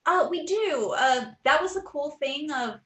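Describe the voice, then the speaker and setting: A woman's voice: sits high, lively intonation, measured pace, fairly bright tone. A woman in her thirties from Puerto Rico, an animation creator answering interview questions earnestly, with many fillers and restarts. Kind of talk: casual interview. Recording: roomy echo.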